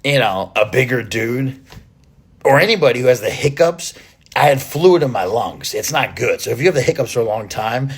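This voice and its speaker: A man's voice: medium pitch, lively intonation, slightly rough. A man gives a casual vlog update to his followers while still short of breath from a recent illness. He rambles and hesitates, restarting sentences and filling gaps as he goes. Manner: halting, rambling, many fillers and restarts. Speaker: fitness content creator.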